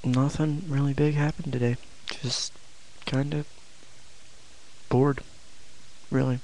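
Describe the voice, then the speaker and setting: A young adult man chatting casually to a vlog audience in a flat, low-energy, hesitant way with long pauses. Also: slight background noise, rough recording. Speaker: video blogger.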